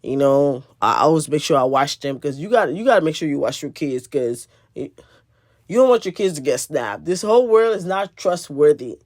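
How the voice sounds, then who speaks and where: A woman's voice: deep voice, animated, moderate pace, a little mellow, no echo, studio quality. Woman sharing a spiritual testimony. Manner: earnest, conversational, repeats phrases for emphasis. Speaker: spiritual video host. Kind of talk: personal testimony storytelling.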